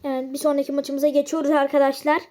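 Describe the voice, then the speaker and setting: Very high-pitched excitable gamer woman. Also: fast talker, a little hiss or hum. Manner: excitable, often exasperated. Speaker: gaming channel host. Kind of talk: live gameplay commentary.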